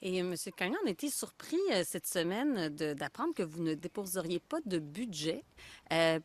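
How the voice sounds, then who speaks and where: A woman's voice: fairly low pitch, expressive, brisk. A woman putting a press question as a reporter, with hesitant, stumbling phrasing.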